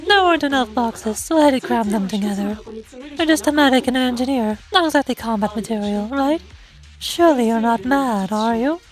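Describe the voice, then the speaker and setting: Woman voicing a mocking, high-voiced sniper villain. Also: expressive, fairly quick, lightly acted. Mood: mocking glee. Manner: mocking, theatrical, feigned politeness. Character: taunting sniper villain, mockingly polite, toying with prey. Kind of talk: live voice acting of game dialogue.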